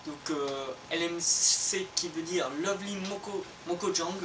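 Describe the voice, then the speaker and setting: A man's voice: fairly high pitch, a little slow. A young man co-hosting a casual, improvised chat between friends, rambling and hesitant with lots of filler words. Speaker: co-host. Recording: echoey room, distant mic, noisy.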